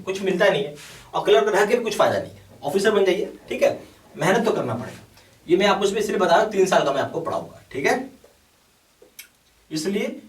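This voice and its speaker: Urging male tutor in an echoey room. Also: high-pitched. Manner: repeats "okay" often, urging and emphatic. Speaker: bank exam coaching teacher. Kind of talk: explaining a course to students. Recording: echoey room, mic at a distance.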